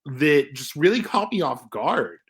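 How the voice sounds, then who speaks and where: A man talking casually as a film reviewer, halting and repeating words as he thinks aloud. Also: a little high, very animated, fairly bright tone.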